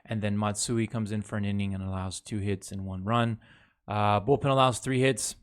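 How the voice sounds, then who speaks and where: A man's voice: fairly low pitch, steady tone, normal speed, clear, resonant tone. A man giving a casual, heavily profane recap of a baseball series, talking over game footage. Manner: talks over game footage, reviewing plays. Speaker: baseball fan commentator. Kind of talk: casual sports recap commentary.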